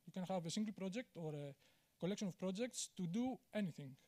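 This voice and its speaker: Man, conference talk, high-pitched, lots of uh fillers, handheld mic in a big auditorium. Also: lively intonation, quick pace, mellow. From Greece. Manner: candid, self-deprecating, many "uh" fillers and restarts. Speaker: conference speaker. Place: large auditorium on stage.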